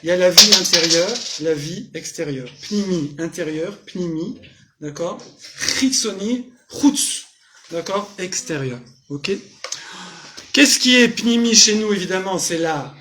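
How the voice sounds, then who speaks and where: High-voiced man teaching a casual Torah class. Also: lively intonation, a little slow, sharp tone, slight background noise. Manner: casual, jokey, asks the audience questions; translates Hebrew terms as he goes. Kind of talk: lively informal Torah class. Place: small community centre hall.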